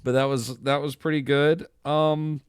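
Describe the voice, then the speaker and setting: A man hosting a podcast with an upbeat, joking manner, wrapping up the show in casual chat. His voice sounds smooth and clean, with a dry, close sound around it. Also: a little high, little pitch movement, unhurried, no room sound. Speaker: podcast host.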